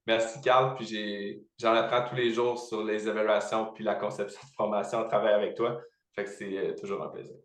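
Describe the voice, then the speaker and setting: A man with a Quebec French accent giving halting, conversational answers as an interview guest, in a roomy, echoing recording. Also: on the low side, flat delivery. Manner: halting, repeats words while searching. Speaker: podcast guest, training professional.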